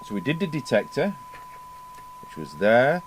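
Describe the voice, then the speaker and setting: Indoors at a repair bench, a radio repair technician talks himself through a casual, hands-on fix, muttering as he goes. He has a mid-range, sing-song voice and a measured pace. Workshop ambience and clearly audible background noise fill the recording.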